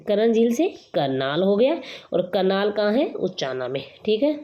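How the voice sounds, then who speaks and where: A woman's voice: medium pitch, dark tone. A woman teacher, running an exam-prep lesson and acting out playful memory-trick lines. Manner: playful, acts out mnemonic dialogue lines. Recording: dull lo-fi recording.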